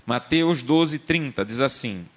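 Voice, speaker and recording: A man's voice: medium pitch, expressive, slow pace, fairly bright tone. A male pastor delivering a sermon, emphatic and repetitive, mixing personal anecdotes with scripture teaching.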